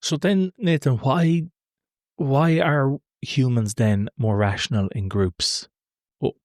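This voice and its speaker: A man's voice: medium pitch, slow pace, darkish tone, no echo, studio quality. A man hosting a podcast, asking thoughtful, tentative follow-up questions. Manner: thoughtful, probing, tentative phrasing. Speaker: podcast host. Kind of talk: interview questions.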